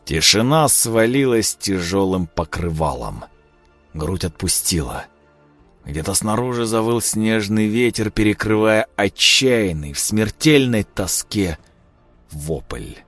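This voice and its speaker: Slow, low-voiced male horror narrator. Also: expressive, a bit bright, dry recording, faint music behind. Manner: measured, dramatic storytelling. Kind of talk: dramatic audiobook narration.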